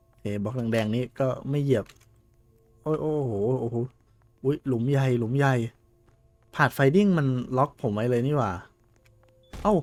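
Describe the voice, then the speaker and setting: Young guy doing chatty game commentary, excitable, dry close mic. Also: medium pitch, a little slow, long pauses, no echo, soft background music. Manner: chatty and excitable, yelps when chased. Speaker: game streamer. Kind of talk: casual let's-play commentary.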